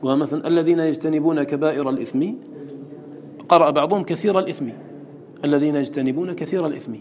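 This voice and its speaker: A man's voice: on the high side, fairly even intonation, fast, darkish tone, a little hiss or hum. A man teaching a class on Quran recitation. He explains terms, quotes verses and checks understanding with questions. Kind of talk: classroom lesson.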